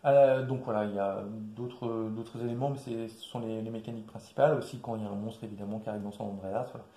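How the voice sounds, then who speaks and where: A man casually walking through a board game's rules, with many fillers and restarts, recorded quietly in an echoey room. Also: steady tone, fast talker, slight background noise. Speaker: board game presenter. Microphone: quiet distant mic. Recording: echoey room, low level.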